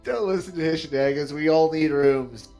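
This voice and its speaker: Male tabletop player, casual and conversational, fairly high voice. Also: a little fast, dark tone, soft background music. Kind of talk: casual chat.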